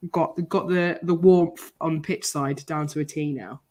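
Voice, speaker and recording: A hoarse woman co-hosting a football podcast, losing her voice but wry and self-mocking. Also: low voice, steady tone, unhurried, a little mellow. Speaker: podcast co-host.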